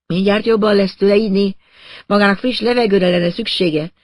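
A man's voice: high voice, fairly even intonation, no room sound, pitched above the performer's own voice, lightly acted. A man voicing a smiling, mean middle-aged woman who insists sweetly. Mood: sweetly insistent. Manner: sweetly insistent, then snapping.

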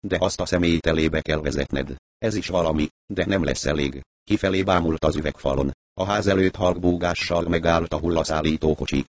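A man reading a crime novel aloud as narrator, in an even, measured manner. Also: low voice. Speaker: audiobook narrator. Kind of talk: scripted narration.

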